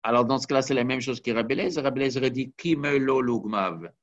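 A man with a mid-range voice and a fairly quick pace teaches a Talmud study lesson, explaining each step and mixing Hebrew and Aramaic terms into his speech. The recording is dull and lo-fi.

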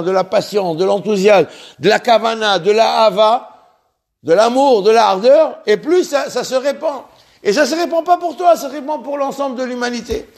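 Impassioned high-voiced man teaching prayer. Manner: impassioned, repeats himself, stumbles and restarts words; sounds out Hebrew syllables slowly. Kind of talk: religious lesson.

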